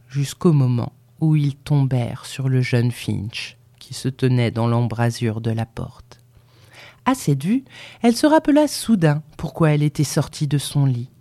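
A woman reading a novel aloud as a narrator, in an unhurried and expressive storytelling manner. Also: rumbling low, no echo. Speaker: audiobook reader.

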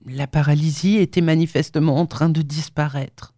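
A woman narrating an audiobook in a measured, sombre storytelling manner. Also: sits low, fairly even intonation, mellow, dry recording, clean studio sound.

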